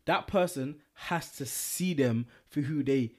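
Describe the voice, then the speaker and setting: A man talks casually on a podcast, his voice sitting on the higher side. He rambles through his points and keeps checking whether you follow him. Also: slow pace. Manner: rambling, repeats "do you know what I'm trying to say". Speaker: podcast co-host. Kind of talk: casual chat.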